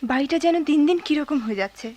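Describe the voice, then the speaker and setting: জেদি, অস্থির তরুণী মেয়ে, খুব উঁচু চঞ্চল গলা. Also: female voice, sits high, fast. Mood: earnest. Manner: petulant, animated. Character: restless young daughter, defiant and quick-tempered. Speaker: younger daughter. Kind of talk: 1990s radio drama acting.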